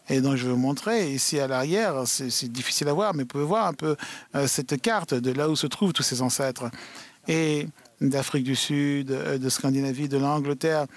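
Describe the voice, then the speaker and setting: Gravelly, halting man giving a talk. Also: a little high, no room sound. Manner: halting, many restarts and fillers. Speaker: conference speaker. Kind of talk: live interpreted talk. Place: large event hall.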